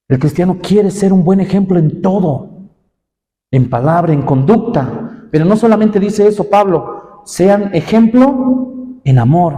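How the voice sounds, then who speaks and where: A man preaching a sermon to young people, impassioned and rising in pitch for emphasis. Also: warm tone, long reverb tail. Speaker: pastor. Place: church.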